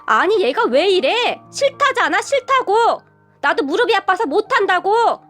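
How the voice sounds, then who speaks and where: A dignified older mother-in-law with a cool, cutting tongue, as a woman narrator puts her on in a storybook tale. Her voice sits high, with faint music behind it. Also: lively intonation, moderate pace, fairly bright tone. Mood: shouting. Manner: dignified, curt.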